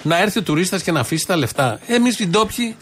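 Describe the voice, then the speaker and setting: A man's voice: high voice, big pitch swings, a bit bright, slightly rough, faint music behind. A man co-hosting a casual political talk show, mocking and sarcastic as he comments on the news. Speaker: co-host.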